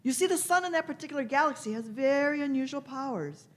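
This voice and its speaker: A woman's voice: high voice, animated, fast talker. A woman playing an imperious, eccentric elderly time-traveller in a radio play, fussy and theatrical, repeating her phrases. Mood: brisk, explanatory. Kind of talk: live staged radio play.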